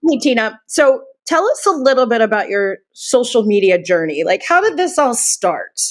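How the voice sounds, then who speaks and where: A woman's voice: on the high side, sing-song, moderate pace, no room sound. A woman hosting a casual chat in a bubbly, enthusiastic manner. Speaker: host.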